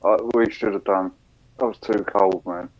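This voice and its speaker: Chill guy chiming in short bits, low voice, dry lo-fi recording. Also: steady tone, moderate pace, no room sound. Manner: brief interjections, laid-back, swears. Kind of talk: casual chat. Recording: dry, dull lo-fi sound.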